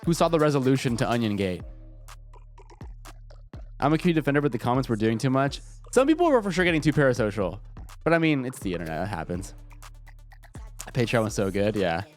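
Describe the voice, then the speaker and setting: Speaking a little fast at medium pitch, a streamer has a sing-song delivery and pauses often. He's slightly congested and chats casually, joking with lots of profanity, through a desk microphone over faint music.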